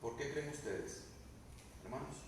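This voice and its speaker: A man's voice: medium pitch, measured pace, noisy background. A male pastor preaches a sermon, asking the congregation questions and acting out quoted lines. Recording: very echoey room, mic at a distance.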